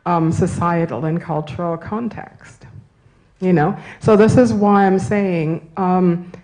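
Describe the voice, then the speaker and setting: Lecturer lady, raised in germany and italy, slightly low voice, talks slow, keeps asking right?. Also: warm tone, low-quality recording. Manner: discursive, self-correcting, asks "right?". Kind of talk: university lecture and Q&A. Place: university auditorium.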